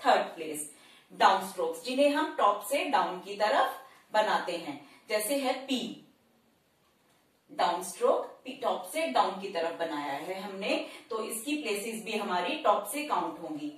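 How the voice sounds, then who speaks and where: A woman teaching shorthand in a slow, step-by-step tutorial, repeating each sound and word carefully. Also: medium pitch, far from the mic. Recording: very echoey room, voice off-mic.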